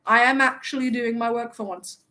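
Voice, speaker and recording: A vain, playful young wizard who loves compliments, played by a woman in her own high voice. He teases his viewers and acts wounded when they tease back, keeping up a chatty live-stream role-play. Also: steady tone, brisk, pushed and bright. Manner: playful, teasing, mock-offended. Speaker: livestream host.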